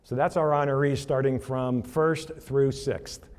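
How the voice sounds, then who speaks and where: At a charity reception in a banquet hall, a man with a medium-pitched, darkish voice gives a casual speech at a measured pace with fairly even intonation. He tells stories over slides, uses fillers, and asks for the next slide. The recording is reverberant, with a little hiss or hum.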